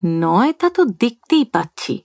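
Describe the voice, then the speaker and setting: A woman voicing a sharp-tongued older wife who scolds in an indignant way in an audio story. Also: on the high side, big pitch swings, moderate pace, dry recording, clean studio sound. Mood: angry.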